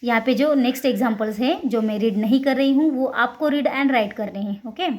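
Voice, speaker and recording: A woman's voice: fairly high pitch, a little mellow. A woman with an Indian English accent teaching a phonics lesson, spelling out each letter and then saying the word. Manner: spells letters then says the word, slow and deliberate in English, quicker in Hindi.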